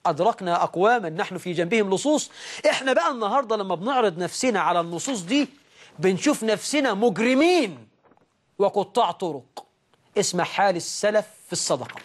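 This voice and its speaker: A man preaching a sermon in an Egyptian accent, moving between slow, drawn-out recitation and sudden raised outbursts. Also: high voice, lively intonation, husky. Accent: Egyptian Arabic.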